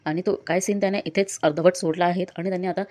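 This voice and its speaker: A woman retelling a TV serial episode in brisk storytelling narration. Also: on the low side, steady tone, a little mellow.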